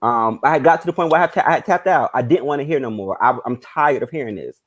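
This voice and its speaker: A man in a casual group discussion, retelling something earnestly and haltingly, often restarting. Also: mid-range voice, lively intonation, poor audio.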